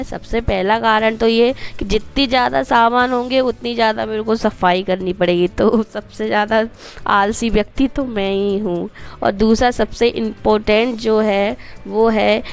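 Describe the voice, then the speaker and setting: In a chatty, homely style, a woman narrates her daily routine for her vlog, often rambling off to address viewers. She has a Hindi accent from Madhya Pradesh, a voice hoarse from a cold, and a fairly high pitch.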